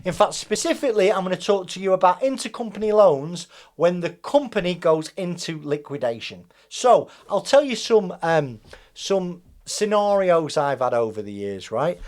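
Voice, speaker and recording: A British man gives business advice in an informal, conversational explainer style, often checking in with the listener with "right?" and "okay?". His voice is high and darkish in tone, with big pitch swings at a moderate pace.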